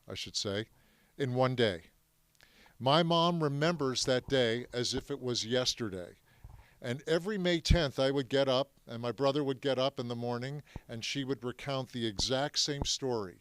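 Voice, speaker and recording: Speaking to a live crowd, a man whose native language is French recounts his family's Holocaust history with energy, frequently posing questions to listeners. His voice is smooth and medium-pitched, with no room sound in the recording.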